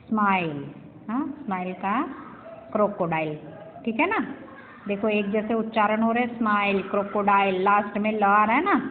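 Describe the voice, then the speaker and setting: A woman teacher explaining an English poem to children in Hindi, asking and answering her own questions, with the English lines read slowly. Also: medium pitch. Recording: echoey room over a tinny phone-like line.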